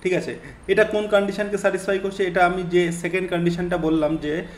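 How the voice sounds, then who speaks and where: A man's voice: sits high, flat delivery, fairly quick. A man patiently explaining an English lesson, repeating his points with many fillers. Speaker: English exam tutor. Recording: echoey room, faint hiss.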